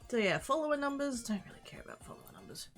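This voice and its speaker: A woman's voice: fairly high pitch, wildly swooping pitch, very fast, fairly bright tone. Casual woman streamer with music behind her. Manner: playful, informal greetings to chat; rambling, easily sidetracked. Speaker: livestreamer. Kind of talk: casual livestream chat.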